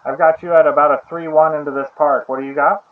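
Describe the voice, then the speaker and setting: A man working as an amateur radio operator, making ham radio calls outdoors in a park and repeating call signs slowly in phonetic letters. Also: on the high side, steady tone. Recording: muffled distant mic with loud noise.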